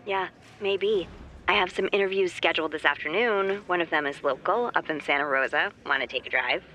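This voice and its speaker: A woman's voice: lowish voice, brisk, pushed and bright, a little hiss or hum. A woman playing an eager, chatty amateur investigator in naturalistic audio drama dialogue, emphatic and conversational. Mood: businesslike, upbeat.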